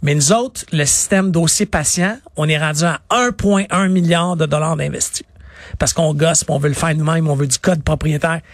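A middle-aged man with a Quebec French accent talks in a lively, explanatory way, acting out his clients in quick quotes. His voice sits fairly high and sounds close and dry, with no room around it. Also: dry recording. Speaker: IT consultant guest. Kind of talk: radio talk interview.

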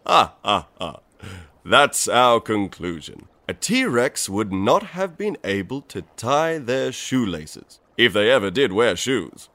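A man's voice: medium pitch, sing-song, slow pace, pushed and bright, dry recording, exaggerated voice. An actor playing a jolly, eccentric male science professor in a children's educational show, with theatrical, exclaiming delivery. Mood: jolly, instructive. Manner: exclaiming, theatrical, with a signature "ah, ah, ah" laugh.

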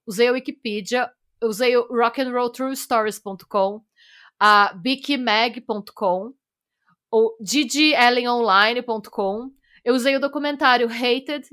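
A woman's voice: on the high side, fairly bright tone. A woman with a Brazilian Portuguese accent co-hosting a podcast, telling a story animatedly, laughing and tripping over her words. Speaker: podcast co-host. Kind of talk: casual storytelling chat.

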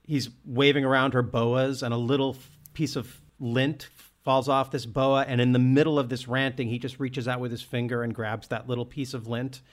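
A man's voice: medium pitch, flat delivery, moderate pace. A man hosting a casual film discussion, talking with enthusiasm and restarting often as he searches for words. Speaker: podcast host.

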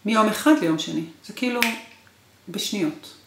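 A woman's voice: medium pitch, creaky, background noise. A woman in her forties in an interview, recounting her marriage with emotional, repetitive intensity. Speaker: guest. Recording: roomy echo.

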